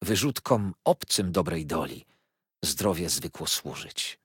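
A man doing a florid, pompous gentleman. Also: low-pitched, expressive, slow, breathy edge, dry recording, clean studio sound, exaggerated voice. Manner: grandiloquent, flowery phrasing; emotional outbursts. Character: pompous, tearful, florid middle-aged gentleman.

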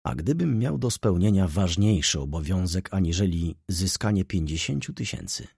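A man's voice: sits low, animated, moderate pace, creaky, darkish tone, husky, dry recording, clean studio sound, exaggerated voice. A man voicing a brooding, reserved middle-aged male merchant in an audiobook who speaks curtly. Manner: curt and withdrawn.

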